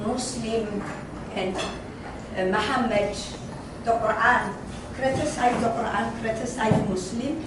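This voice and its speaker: A woman in her sixties from Ethiopia speaks slowly and earnestly, circling back over her words as she asks her question. She sounds distant from the mic, and the room is very echoey with clear restaurant noise around her. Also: a little high. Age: 60s. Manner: halting, repetitive, earnest phrasing. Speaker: audience member asking a question. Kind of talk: impassioned question from the floor. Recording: roomy, distant, noisy restaurant.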